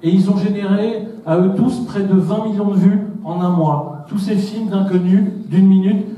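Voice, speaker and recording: A man's voice: sits high, moderate pace, highs cut off. A man giving an organiser's thank-you speech to an audience. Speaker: festival organiser. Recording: very echoey hall, distant mic.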